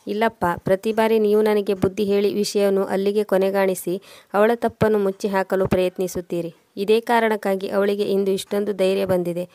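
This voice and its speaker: A woman's voice: mid-range voice, little pitch movement, fairly quick, mellow, dry recording, lightly acted. A woman voicing a hot-tempered young husband in a storybook reading, speaking sternly. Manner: stern, threatening.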